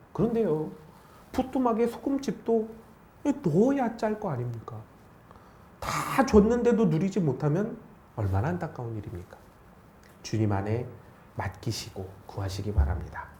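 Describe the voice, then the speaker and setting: Animated male pastor preaching in an echoey church. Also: mid-range voice, a little hiss or hum. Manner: animated preaching with rhetorical questions. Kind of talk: sermon. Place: church sanctuary.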